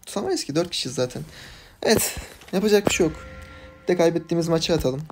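A man giving live commentary on a mobile game, recorded on a phone, scolding his teammates and swinging between low muttering and loud yelling. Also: animated, quick pace, over music. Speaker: gaming channel host.

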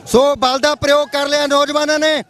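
A man reporting live from a roadside barricade, speaking urgently and with passion. His voice sits very high for a man, and he presses his appeal to the authorities with insistence. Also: flat delivery, brisk, fairly bright tone, slight background noise. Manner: urgent, impassioned, appealing to officials. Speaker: field reporter. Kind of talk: live on-the-spot news report. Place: outdoors at a road barricade.

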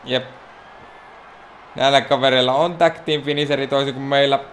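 A man from Finland giving excitable, self-mocking let's play commentary on a wrestling game, talking to the characters on screen. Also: medium pitch, a little hiss or hum. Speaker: gaming YouTuber.

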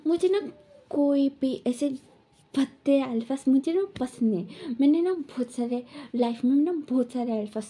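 A woman's voice: high voice, expressive, normal speed, dark tone. A woman telling of a defiant young man. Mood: cool defiance. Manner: mocking, coolly threatening. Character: defiant young man, calm but cutting.

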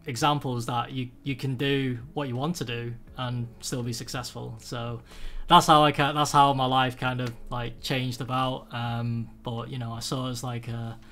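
Faint music plays behind a young man from the United Kingdom with a British accent, hosting a podcast indoors at home over a video call. His medium-pitched voice is fairly bright, flat in delivery, and at normal speed, and his casual chat rambles with lots of fillers and restarts.

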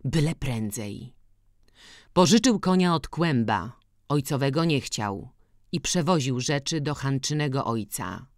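Slow, measured woman audiobook narrator. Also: extremely low pitch, no echo, clean studio sound. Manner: slow, measured, even reading. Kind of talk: scripted narration of a classic novel.

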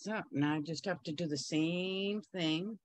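A middle-aged woman with a lowish voice and measured pace teaches quilting in a casual, practical way, chatting as she pins and sews in her home sewing studio. There's no echo.

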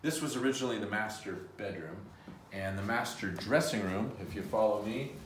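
A middle-aged man giving a casual guided tour of a museum's restored rooms, often pausing with fillers as he walks and explains. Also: fairly low pitch, recorded from a distance, background noise. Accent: Pacific Northwest American. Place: large empty house museum rooms with bare walls, indoors. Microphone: handheld phone camera following him, often several steps away. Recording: roomy echo, speaker off mic.

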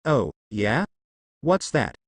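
A man's voice: mid-range voice, big pitch swings, slow, no echo, heavily acted. Man voicing a defiant young hunter, sarcastic, acting tough.

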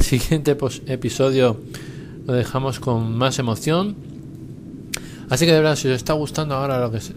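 A man's voice: mid-range voice, noisy background. A man with an accent from Spain giving casual, informal gameplay commentary as a video host. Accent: Spain Spanish. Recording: commentary under loud game sound.

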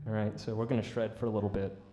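A man's voice: lowish voice, flat delivery, racing, reverberant. A man live-streaming his music, chatting casually with viewers and answering their comments in an easygoing, rambling way. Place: room set up for live music. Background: instruments.

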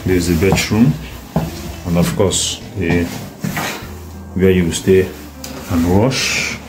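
A man from Nigeria filming a flat on his phone, pointing out each room in a slow, halting way. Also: sits low, music in the background, low-quality recording. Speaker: tenant viewing a flat. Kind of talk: casual home tour on phone video. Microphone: phone camera.

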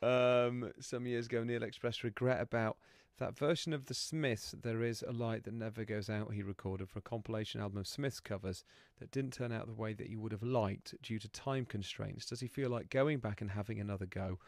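A man's voice: fairly low pitch, fairly even intonation, fairly quick, few pauses, no echo. A man hosting a radio show in a studio, chatting with his guest and reading out listener messages. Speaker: radio host. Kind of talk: radio phone-in interview. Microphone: studio microphone.

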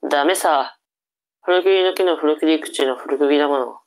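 A woman's voice: low voice, moderate pace. A woman voicing a cocky, teasing young older brother in a comic tongue-twister reading drama.

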